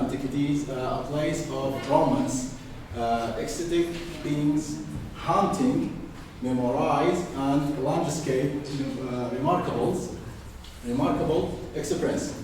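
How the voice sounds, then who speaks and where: A male student giving a class presentation, pausing often with fillers, recorded from a distance in a classroom. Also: medium pitch, a little mellow, a little hiss or hum. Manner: hesitant, many fillers. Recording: echoey classroom from far off.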